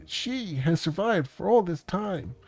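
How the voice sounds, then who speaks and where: A man voicing a jittery, excited man on an old video message, talking breathlessly and urgently. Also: sits high, takes it slowly, voice pushed up, full character voice. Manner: breathless, urgent, words tumbling out.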